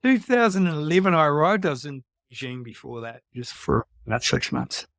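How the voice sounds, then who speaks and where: Gravelly New Zealand man, casually chatting. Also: on the high side, brisk, fairly bright tone, dry recording, clean studio sound. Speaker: podcast guest. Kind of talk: casual anecdotal chat.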